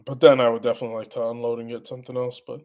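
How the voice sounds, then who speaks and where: Stuffy-nosed guy chatting on his live stream, halting, keeps restarting, mid-pitched voice. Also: flat delivery, a little mellow. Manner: rambling, halting, many restarts. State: congested. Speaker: channel host answering live chat. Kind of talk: casual live stream chat.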